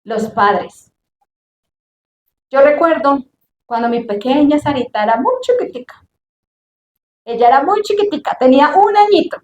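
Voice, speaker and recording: Middle-aged woman preacher, high voice, emphatic sermon storytelling in a reverberant church. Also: animated, a little slow, pauses often, darkish tone, dull audio.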